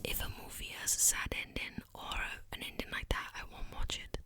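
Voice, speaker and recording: This is a woman making ASMR content, whispering softly and breathily with her mouth close to the mic at ear level. The ramble is relaxed and unhurried, full of repeated words.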